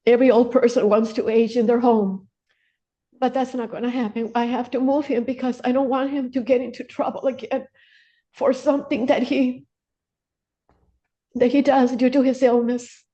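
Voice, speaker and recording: A woman's voice: a little high, flat delivery, normal speed, dark tone, dull audio. An older woman speaking at a court hearing as the defendant's wife, earnest and repetitive, with stammering restarts.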